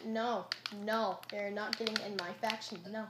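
A young woman giving casual gameplay commentary, excitable and taunting, laughing and yelling often. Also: medium pitch, normal speed. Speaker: gamer. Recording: echoey room with faint noise.

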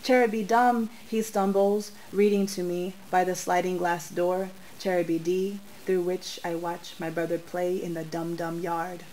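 Young female poet, lowish voice, soft measured reading in a small bookstore on a stand mic. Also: level tone, slight background noise, poor audio. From United States. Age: young adult. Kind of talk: poetry reading with spoken remarks. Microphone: stand mic in front of her.

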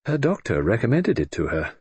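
A man's voice: medium pitch, wildly swooping pitch, brisk, a little mellow, breathy edge, no echo, exaggerated voice. A man reading an audiobook, voicing a tactful young female companion who speaks politely and hesitantly.

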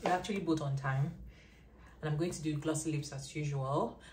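A young woman talking casually to her camera as a vlogger, chatty and quick to laugh. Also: low-pitched, fairly even intonation. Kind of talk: casual vlog chat. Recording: echoey room with faint noise.

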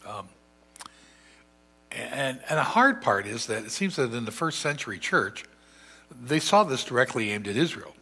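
An older man preaches from a church lectern, his voice bright and a little husky. He talks in a thoughtful, conversational way and often restarts his phrases. The sound is a lectern mic in a large sanctuary. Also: medium pitch. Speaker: pastor. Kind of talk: sermon.

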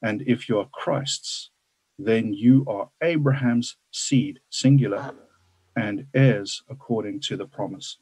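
A man in his forties teaching from the Bible on a video call, earnest and halting with fillers and restarts. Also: fairly low pitch, a little mellow, slightly rough, low-quality recording. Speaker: bible study leader. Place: indoors with a forest virtual background. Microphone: webcam on a video call.

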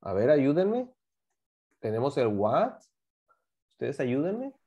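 A man's voice: mid-range voice, sing-song, takes it slowly, dark tone, muffled recording. A man teaching a class, patiently explaining grammar and repeating examples while asking students to join in. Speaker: English teacher.

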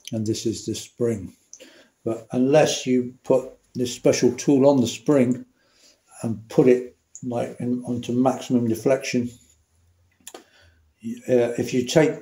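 A man's voice: medium pitch, darkish tone, roomy sound. A man demonstrating a motorcycle repair in a workshop, chatty and correcting himself as he works. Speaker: motorcycle mechanic. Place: indoor workshop.

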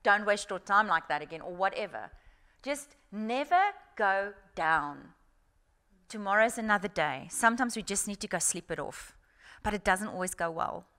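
A middle-aged South African woman tells stories at a festival workshop with a bright, forceful voice. She talks frankly and informally, full of energy. Her pitch sits in a middle range. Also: moderate pace. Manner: animated storytelling, frank and informal. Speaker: guest speaker.

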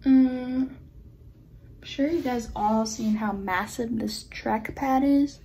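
A woman with a high, mellow voice narrates a laptop unboxing indoors. She speaks slowly, gasps with excitement, and often drops to a whisper. A faint hiss sits under her voice. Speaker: vlogger. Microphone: camera on a tripod.

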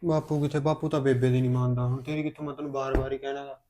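A man's voice: mid-range voice, flat delivery, slight background noise, lightly acted. A young man playing a kind, reassuring younger brother. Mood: easygoing. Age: young adult. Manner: gentle, comforting, quick-talking. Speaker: actor in a short family drama. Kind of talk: village family drama.

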